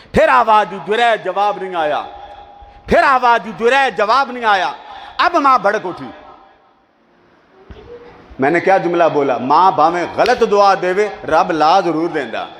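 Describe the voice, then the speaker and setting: High-voiced preacher man. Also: animated, long pauses, fairly bright tone. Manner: storytelling, speaks to a seated crowd. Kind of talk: sermon. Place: large hall with a seated audience. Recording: long reverb of a large hall.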